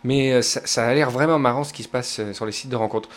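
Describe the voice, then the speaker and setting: A man's voice: medium pitch, steady tone, quick pace. A man in his thirties with a Southern French accent, hosting a podcast and telling rambling, digressive anecdotes in casual chat. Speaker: podcast host.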